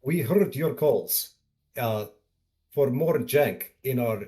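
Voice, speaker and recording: A man's voice: medium pitch, expressive, slow pace, dark tone. A man voicing a hammy male game developer with an exaggerated mock Russian accent, as streaming banter.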